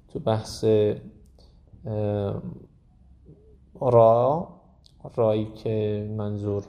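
A man gives a recitation lesson in a low, gravelly voice with a mellow, dark tone. He explains pronunciation rules at an easy pace, then drags out example words slowly and deliberately, saying each several times. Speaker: Quran recitation teacher.

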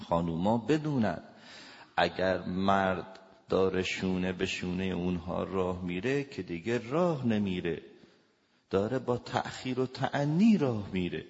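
A man lecturing as a family counselor, fairly low in pitch and lively in delivery. He acts out small exchanges with sudden raised voices. His voice sounds dull and lo-fi, with a long reverb trailing behind it as in a big hall. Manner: lively, acts out little dialogues with shouted voices.

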